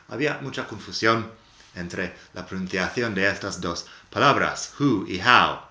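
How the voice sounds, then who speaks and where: Bright-voiced man teaching English pronunciation. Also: deep voice. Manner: lively, upbeat, slowing down to model English words. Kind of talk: casual video lesson on pronunciation. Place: home living room, on a sofa. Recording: echoey room.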